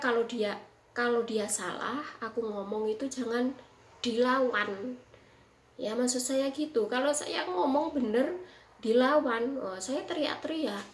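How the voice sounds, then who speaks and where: A woman's voice: on the high side, slight background noise. An Indonesian woman working as a live-in caregiver in Taiwan, giving emphatic, repetitive advice to fellow workers in a casual vlog. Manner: emphatic, repeats herself, frequent tag "ya, teman-teman". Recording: roomy echo with faint background ambience.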